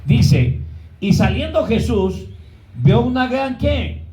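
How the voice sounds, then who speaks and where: A man's voice: very high-pitched, big pitch swings, slow pace, mellow, roomy sound, rough recording. A man preaching a sermon as pastor, often asking the congregation to fill in words.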